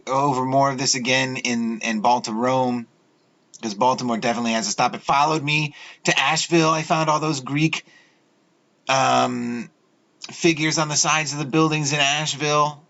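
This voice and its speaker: A man hosting his own video, talking in a halting, rambling way with many fillers and restarts as he goes through pictures. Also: medium pitch, little pitch movement, bright, forceful tone. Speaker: video host. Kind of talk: rambling solo video talk over images. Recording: dull lo-fi audio.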